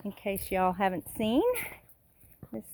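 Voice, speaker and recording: A chatty woman walks through her yard, pointing out plants in a casual, meandering way. She sounds a little out of breath from the walk, with a voice of ordinary pitch. It is recorded outdoors on a handheld phone. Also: fairly even intonation, measured pace, darkish tone, a little hiss or hum. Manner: chatty, pointing things out while walking outdoors. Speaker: vlogger giving a garden tour. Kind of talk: casual walking garden tour.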